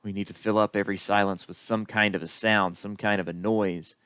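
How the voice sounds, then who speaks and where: A man with a very low voice lectures on public speaking in a steady, explanatory way. The recording is dry and close, with no room sound. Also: clean tone, dry recording. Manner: explanatory, unhurried, with occasional fillers. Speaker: instructor.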